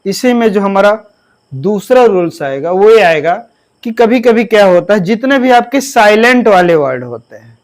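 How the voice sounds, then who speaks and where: A man's voice: high voice, big pitch swings, normal speed. A male English grammar teacher giving a lesson. He asks the class questions, answers them himself, and spells words out letter by letter.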